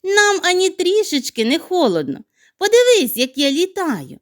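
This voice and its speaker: Snowflake, put on by a woman narrator: tiny girlish sprite, high and sing-song, teasing and gleeful, children's audiobook. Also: huge pitch swings, moderate pace, heavily acted. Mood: playful. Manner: high, bubbly, teasing calls. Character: playful giggling little girl snowflake, teasing.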